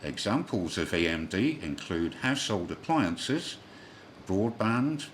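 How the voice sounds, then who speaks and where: Taking it slowly, a man with a lowish voice and big swings in pitch reads a scripted amateur radio news bulletin like a newsreader. He sometimes slips and spells each callsign phonetically. The shortwave broadcast carrying him is clearly noisy.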